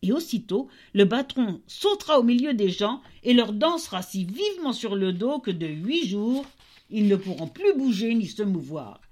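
A woman's voice: medium pitch, big pitch swings, normal speed, a little mellow. A woman voicing a male master craftsman giving instructions in a fairy tale reading. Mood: instructive.

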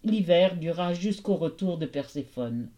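A woman narrating a myth as a storybook reading, expressive and measured. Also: lowish voice.

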